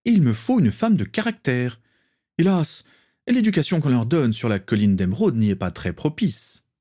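A man voicing an eager, excitable young aristocratic wizard who speaks earnestly. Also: mid-range voice, normal speed, pitched above the performer's own voice. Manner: animated, earnest.

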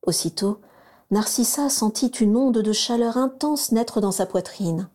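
A woman narrating a children's story aloud in a smooth, even storytelling manner. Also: a little high, measured pace. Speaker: reader.

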